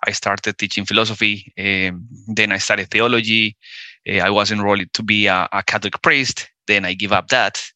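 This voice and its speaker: Speaking at a moderate pace, the man has a fairly low, steady, sharp voice, captured in a dry recording. He's a Colombian native Spanish speaker in his forties with a Colombian accent, chatting as an interview guest in a casual way and stumbling through frequent fillers and restarts.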